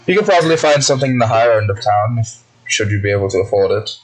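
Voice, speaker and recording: A man running a tabletop game as game master, speaking measured and formal in character. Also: medium pitch, lively intonation, poor audio.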